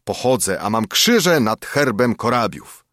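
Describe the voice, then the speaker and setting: A man's voice: medium pitch, very animated, unhurried, fairly bright tone, no room sound, clean studio sound. A man voicing an indignant nobleman boasting of his ancestry.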